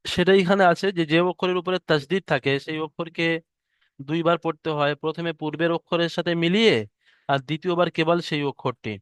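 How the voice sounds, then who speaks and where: Man teaching, smooth and bright. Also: fairly high pitch, fairly even intonation, no echo, clean studio sound. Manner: slow, drawn-out demonstration of letter sounds. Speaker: Quran reading teacher. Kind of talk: online class instruction. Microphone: headset or computer mic on an online class call.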